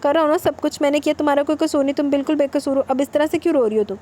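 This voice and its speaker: A woman's voice: high voice, warm tone, close to an everyday voice. A woman voicing a brooding young husband in a romance novel reading, earnest and lecturing. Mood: coaxing.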